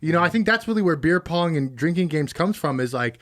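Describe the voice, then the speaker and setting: Deadpan man telling a story. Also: on the high side, fairly quick. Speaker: podcast host. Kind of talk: casual chat.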